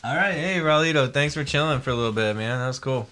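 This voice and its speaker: Laid-back laughing man, bright voice. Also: medium pitch, fast. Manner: laughs often, swears casually. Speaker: stream host. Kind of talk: casual chat while eating on a livestream.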